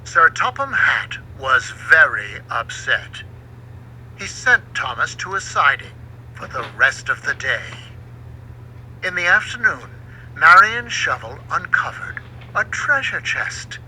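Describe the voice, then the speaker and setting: A man reads a children's storybook aloud in a very bright, forceful voice, unhurried and dramatic, with large swings in pitch and an expressive delivery. It sounds like a home recording, with faint background noise and poor audio overall.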